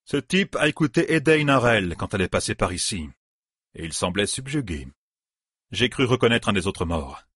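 A man voicing a handsome young swordsman who talks in a smooth, ironic way. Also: on the low side, big pitch swings, moderate pace, fairly bright tone, no room sound, studio quality, exaggerated voice. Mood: uneasy.

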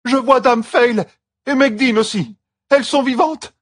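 A man reading an audiobook and voicing an excited, loyal servant woman who reports news eagerly. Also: sits high, moderate pace, voice pushed up. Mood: joyful.

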